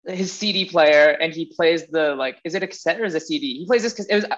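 A man co-hosting a casual film podcast, talking excitedly with lots of "like" and laughter. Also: fairly high pitch, fast talker, lo-fi sound. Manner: excited, laughing, heavy use of "like". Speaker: podcast co-host.

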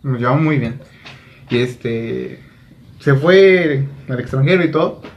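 Un hombre con acento mexicano, carpintero, que cuenta anécdotas en charla casual con tono relajado. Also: male voice, mid-range voice, lively intonation, unhurried, highs cut off. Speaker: podcast co-host, carpenter. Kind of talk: casual chat.

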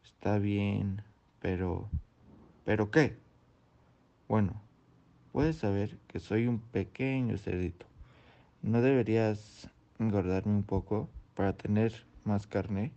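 A man's voice: fairly low pitch, slow pace, pauses often, dark tone. A man voicing a small, crafty male piglet in a storybook reading, sly and coaxing. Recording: dull lo-fi recording.

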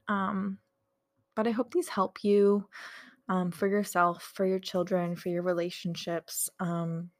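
A young woman talking earnestly and casually to her viewers about her faith, with many fillers along the way. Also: on the low side. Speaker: faith vlogger. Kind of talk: casual devotional talk.

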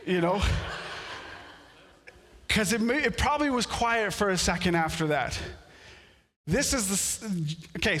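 In a church sanctuary, a male pastor whose first language is French preaches a storytelling sermon that builds to animated outbursts. His voice is high-pitched, trailed by a long reverb tail.

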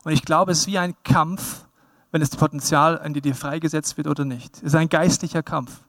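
A man in his thirties from Bavaria, preaching a sermon with a slight tinge, animated and often acting out the people he quotes. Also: fairly high pitch, moderate pace, no room sound, clean studio sound. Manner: lively, animated, acts out quoted people in raised voice. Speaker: pastor.

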